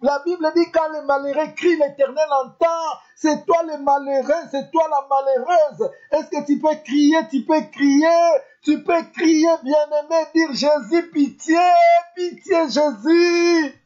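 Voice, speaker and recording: A man's voice: very high voice, steady tone, a little slow, hardly any pauses, a little mellow. A man preaching a sermon as a pastor, emphatic and repetitive, calling out to his listeners over and over. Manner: emphatic, repetitive, calls out "beloved" constantly. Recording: dull lo-fi sound.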